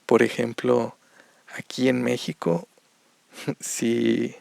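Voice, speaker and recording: A man from Mexico with a Mexican accent, teaching Spanish to learners on a podcast and explaining things slowly with plenty of examples. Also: mid-range voice, monotone, vocal fry, a little mellow, no echo. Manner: slow, repetitive explanations with examples.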